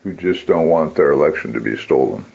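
A man in a political radio chat channel rants informally about politics, blunt, profane and emphatic, over a push-to-talk voice chat app. His bass voice is expressive, a little fast, slightly rough and full of vocal fry, and the walkie-talkie app audio is muffled with background noise.

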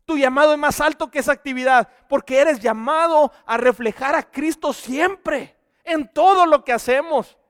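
A man preaching a sermon with earnest delivery, swinging between loud emphasis and hushed passages. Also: extremely high pitch, moderate pace, dry recording, clean studio sound, big-room sound.

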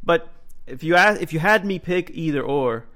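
A man co-hosting a casual podcast, enthusiastic and quick to agree, with many you-knows. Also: fairly high pitch, expressive, fairly bright tone. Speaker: podcast co-host.

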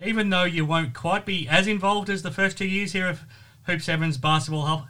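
A man's voice: high-pitched, steady tone, a little fast, bright, forceful tone. Upbeat man hosting a sports show. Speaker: basketball podcast host. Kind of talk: casual sports chat.

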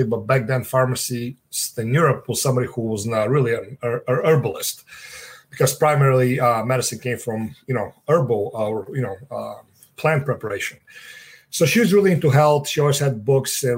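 A man in his thirties from Bulgaria, speaking with a Bulgarian accent as a podcast guest, halting and full of uhs. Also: medium pitch. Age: 30s. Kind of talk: casual interview talk.

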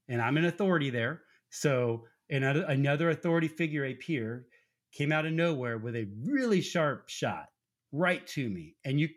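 A podcast co-host in his forties earnestly tells a personal story about his faith in a conversational way, acting out quotes by raising his pitch. The talk is faith-based and conversational.

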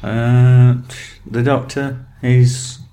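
A man co-hosting a podcast in casual chat, with deadpan, playfully obtuse jokes. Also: mid-range voice, drawn-out words. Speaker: podcast co-host.

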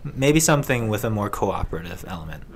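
A man's voice: fairly low pitch, very animated, fast. Hesitant man explaining casually, noisy background. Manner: hesitant, searching for words. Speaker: guest pitching game ideas. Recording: clear background noise.

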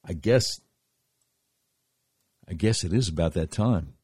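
Man, American accent, talk radio host, folksy emphatic delivery, husky, dry close studio sound. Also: low-pitched, animated, slow, warm tone, dry recording. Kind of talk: talk radio monologue with live-read sponsor spots.

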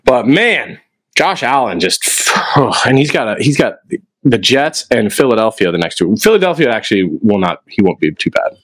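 A man's voice: medium pitch, big pitch swings, moderate pace, a bit bright, dry recording. A young man co-hosting a fantasy football podcast, ranting and swearing in casual chat. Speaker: podcast co-host.

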